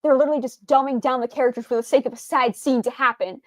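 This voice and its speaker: A young adult woman streamer gives heated commentary on a game. She is exasperated and blunt, and she swears freely, with a high-pitched voice. The sound is close and dry, with no echo. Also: steady tone, fast talker.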